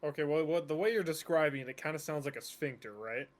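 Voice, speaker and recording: A man talks casually at a tabletop game, loose and jokey with crude humor. His voice sits on the higher side. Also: quick pace. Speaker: player. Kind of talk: casual chat.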